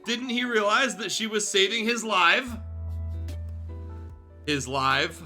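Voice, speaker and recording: Slow yet lively in intonation, a high-pitched male streamer reads fan fiction aloud, his voice pushed and bright. He narrates dramatically with a casual touch, small self-corrections and offhand asides, over music in the background.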